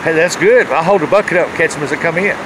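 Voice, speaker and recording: Filming on his phone at arm's length from a rocky riverbank, this middle-aged man talks in a homespun, down-to-earth manner for his fishing vlog. His pitch runs fairly high, and the rushing river and outdoor sounds make the recording noisy.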